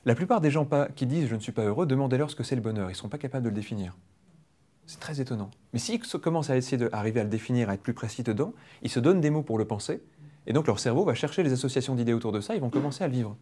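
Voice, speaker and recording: A man leading a public hypnosis demonstration, explaining quickly and playfully to a live audience. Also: mid-range voice, expressive, dark tone, slightly rough. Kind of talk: lively teaching talk to a live audience. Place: training room with an audience.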